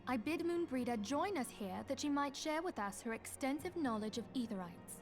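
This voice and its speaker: An actress voicing a courteous, dignified leader in a video game, speaking formally and politely over music. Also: female voice, high voice, lively intonation, normal speed. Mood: formal, composed.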